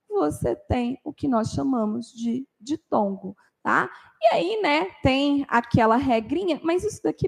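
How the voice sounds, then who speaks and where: A woman's voice: high voice, gravelly. A woman teaching a spoken grammar lesson, explaining step by step and checking in with her listeners after each point.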